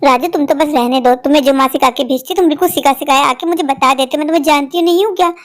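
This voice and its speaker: A sharp-tongued older mother-in-law, as a woman voices her in an animated family story. Her high-pitched voice keeps scolding and complaining. She shouts for her daughters-in-law and grumbles about them. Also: fast talker, close to an everyday voice. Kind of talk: cartoon voice acting.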